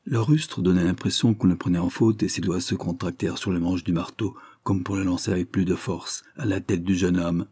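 A man narrating an audiobook in a measured, literary reading style. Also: sits low, fairly even intonation, dark tone, husky, no room sound, studio quality. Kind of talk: scripted narration.

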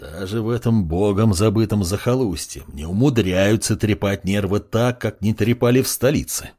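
A man's voice: lowish voice, normal speed, darkish tone, natural voice. A man voicing a crippled male investigator who grumbles and defends himself indignantly in an audiobook. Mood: grumbling.

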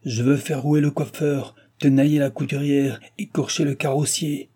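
A man's voice: lowish voice, moderate pace, mellow, slightly rough. A man reading aloud as a hot-tempered noble viscount who rages and curses, in a storybook reading. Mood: furious. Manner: raging, cursing.

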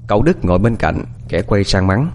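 A man narrating a ghost-story audiobook with expressive, dramatic delivery. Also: on the low side, moderate pace.

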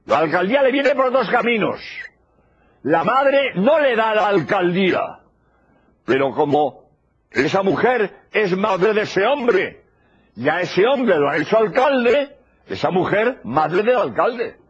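An older Spanish preacher gives a religious lecture, hammering home his points by repeating key phrases. His high voice has a breathy edge and a sing-song lilt, and he speaks slowly on a dull, lo-fi old tape.

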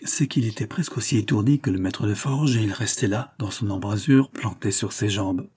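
A man narrating a classic novel in a measured, dramatic way. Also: fairly low pitch, darkish tone, husky. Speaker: audiobook narrator.

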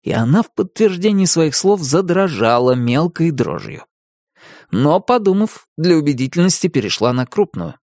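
A man narrating a children's storybook in an even, expressive reading. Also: on the high side, normal speed, dry recording, studio quality. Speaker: audiobook narrator.

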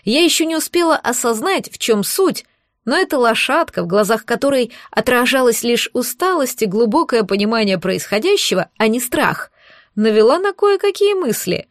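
A woman narrating a fantasy audiobook, voicing the characters by shifting her pitch and pace. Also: expressive, moderate pace, no echo, clean studio sound.

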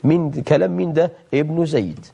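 Warm-voiced Egyptian sheikh, emphatic and scolding. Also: male voice, fairly high pitch, fairly quick, creaky, breathy edge. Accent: Egyptian Arabic. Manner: emphatic, scolding rhetorical questions. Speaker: sheikh taking callers. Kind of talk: religious lesson with call-ins.

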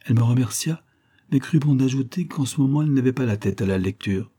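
A man reading a first-person novel aloud in a measured, wry storytelling manner. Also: mid-range voice, expressive, mellow, husky. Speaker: audiobook narrator.

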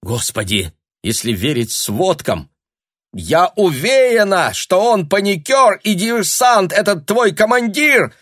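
A man voicing a hot-tempered, tearful young woman who shouts and burrs her r's, in an audiobook. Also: expressive, a little slow, dry recording, clean studio sound. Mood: hysterical. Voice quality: burred r. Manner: shrill, shouting.

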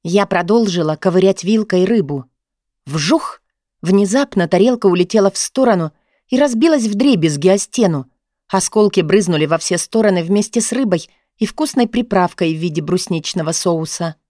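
A woman reading a first-person novel aloud, steady storytelling that tightens in the dialogue. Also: medium pitch, fairly quick, dry recording, clean studio sound. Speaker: audiobook narrator. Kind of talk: first-person audiobook narration.

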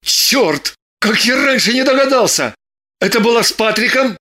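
A woman voicing an excitable, suspicious man with agitated exclamations. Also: a little high, normal speed. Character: excitable, suspicious young-ish man, her lover.

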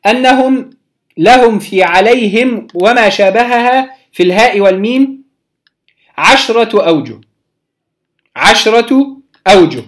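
A teacher with an Egyptian accent giving a Quran recitation lesson, patiently explaining and drawing out each recited example word slowly. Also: mid-range voice. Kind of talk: recorded religious lesson.

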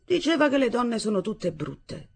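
Drawling, scornful father, put on by a woman, husky and lively. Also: on the high side, moderate pace, voice pushed up, exaggerated voice. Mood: lazy. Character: lazy mocking young father, sprawled in bed.

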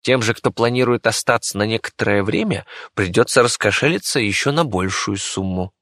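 A man's voice: lowish voice, fairly quick, fairly bright tone, no room sound, studio quality, close to an everyday voice. A man voicing a fussy, talkative rabbit-faced village doctor in an audiobook, speaking in a chatty, slightly ingratiating way. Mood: explaining. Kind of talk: audiobook character voice.

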